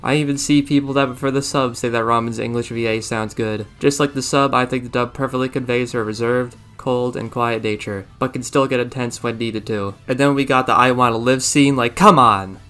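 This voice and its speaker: A man's voice: mid-range voice, fairly even intonation, a little fast, hardly any pauses, fairly bright tone. Opinionated young man reviewing anime. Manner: opinionated, enthusiastic. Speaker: video reviewer. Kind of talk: scripted video essay.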